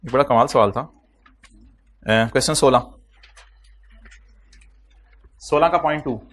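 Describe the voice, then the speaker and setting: A male lecturer with a Pakistani Urdu accent teaches an accounting class. His delivery is animated, and he fires quick questions at the students as he works through the material. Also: mid-range voice.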